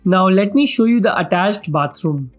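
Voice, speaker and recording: A man's voice: sits high, lively intonation, normal speed. Indian-accented man presenting a property tour, music behind. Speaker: property vlog host. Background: background music.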